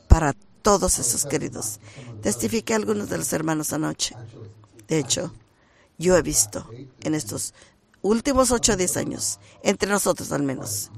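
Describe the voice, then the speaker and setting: A man preaching a sermon, talking in a shy, halting way that rises into emphatic bursts. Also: sits high, creaky.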